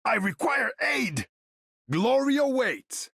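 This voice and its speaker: In video game voice lines, an imperious warrior king of the seas lets out a triumphant battle cry in formal, regal, pompously theatrical speech, taking his time. His exaggerated, very high, slightly bright voice is husky and sing-song, swinging widely in pitch. It's recorded close and dry, with no room sound.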